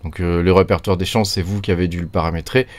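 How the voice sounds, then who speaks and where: A man's voice: low-pitched, fairly even intonation, fast, no room sound. A man hosting a casual screen-recorded tutorial, rambling and chatty with many fillers, recorded close on a desktop mic. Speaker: crypto tutorial host.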